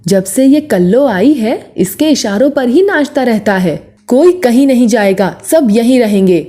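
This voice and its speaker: A woman's voice: a little high, lively intonation, measured pace, dark tone, faint music behind. Woman voicing a harsh scolding mother-in-law. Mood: contemptuous. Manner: scolding, contemptuous. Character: harsh, bossy middle-aged mother-in-law.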